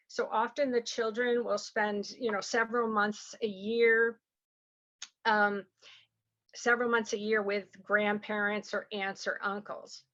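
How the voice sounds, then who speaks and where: A woman from a surrogacy agency who explains things quickly over a video call, rambling with many fillers and restarts. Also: a little high, fairly bright tone, muffled recording. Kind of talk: online information session, explaining and answering questions.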